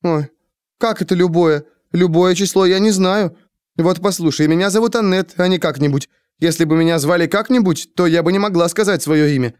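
A man's voice: high-pitched, a little mellow, clear, resonant tone, no echo, studio quality, voice pushed up, lightly acted. A man voicing an anxious, rambling young woman in her twenties who frets and wails. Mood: flustered. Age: 20s. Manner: frantic, fast, wailing.

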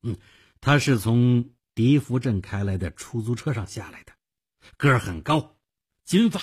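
A man with a husky voice voicing an arrogant, long-haired young male ticket clerk in a radio story reading. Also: medium pitch, expressive, a little slow. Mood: stammering. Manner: cocky, then stammering when frightened.

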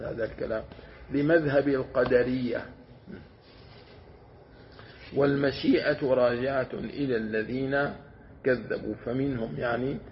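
Gravelly sheikh teaching. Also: male voice, medium pitch, slight background noise. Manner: explains patiently, repeats and sounds out words slowly. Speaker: sheikh teaching Quran commentary. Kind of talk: religious lesson. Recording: dull lo-fi lecture recording.

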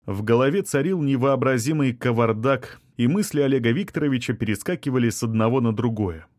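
A man giving a steady, measured audiobook narration. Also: medium pitch, no room sound, clean studio sound. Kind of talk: scripted narration.

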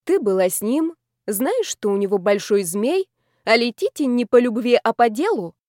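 Brief: a woman reads a shrewd, pushy female friend in an audiobook, loud and bossy. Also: a little high, very animated, no room sound, clean studio sound. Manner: brisk, bossy and emphatic.

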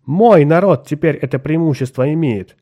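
A man reading an audiobook, voicing a stern human starship captain who speaks loudly and forcefully. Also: mid-range voice, normal speed, no echo, studio quality, close to an everyday voice. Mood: thundering. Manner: forceful, commanding.

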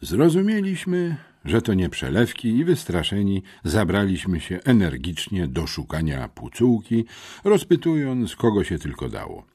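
A man narrates an audiobook with a husky, slightly low voice. His pitch swings widely from line to line, giving the story a lively, expressive drive. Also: measured pace. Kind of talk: scripted narration.

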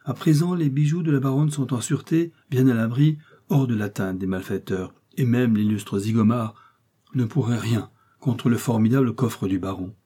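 A man's voice: mid-range voice, moderate pace, mellow, breathy edge, natural voice. A man reading an audiobook, voicing a vain, self-important male poet who declaims in a lofty, grandiloquent way. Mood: haughty.

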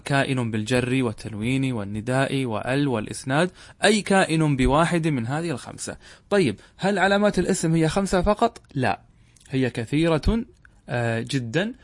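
A man's voice: medium pitch, dry recording. A middle-aged man teaching classical Arabic grammar, explaining step by step and repeating key points. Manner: measured, repeats key points, asks rhetorical questions. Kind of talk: classroom lesson explaining a text.

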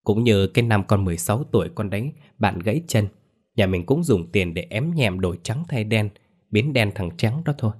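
A man voicing a cold, manipulative young man who coaxes his mother in a soft voice. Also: lowish voice, expressive, moderate pace, breathy edge. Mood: smug. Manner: soft-spoken, coaxing.

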